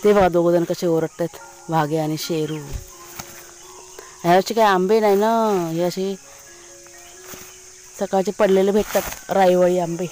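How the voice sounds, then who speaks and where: A woman's voice: lowish voice, fairly even intonation, unhurried, long pauses, mellow, soft background music. A woman host with a Konkan Marathi accent, chatting casually in a village vlog, talking to her pets and her viewers outdoors.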